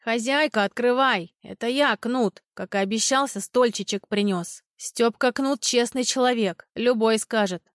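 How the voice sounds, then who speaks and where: A man's voice: very high voice, fairly bright tone, no room sound, studio quality. A woman doing a nasal, whining village drunk. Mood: whiny pleading. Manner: wailing, drawn-out pleading. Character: nasal-voiced village drunk, pleading and whiny.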